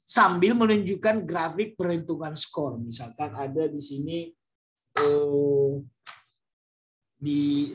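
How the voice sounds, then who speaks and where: A man teaching a class, explaining slowly with many fillers and sometimes acting out example words loudly. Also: a little high. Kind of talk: classroom lecture.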